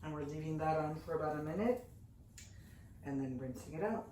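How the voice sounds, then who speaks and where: A woman's voice: deep voice, a little fast, dark tone. Woman, hairdresser, slight lisp, chatty, talks to viewers as you guys, salon tutorial, roomy echo, faint noise behind. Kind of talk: hair care tutorial vlog. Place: salon shampoo bowl area.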